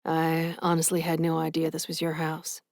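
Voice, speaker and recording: A woman reading an easygoing deep-voiced man. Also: monotone, normal speed, darkish tone, dry recording, studio quality. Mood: wry.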